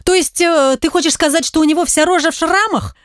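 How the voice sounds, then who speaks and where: A woman voicing a brash young woman who yells and scolds impatiently into the phone, in an audiobook. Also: extremely high pitch, a little fast, dry recording, clean studio sound, voice pushed up. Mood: shouting, irritated. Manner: shouting, rude and impatient.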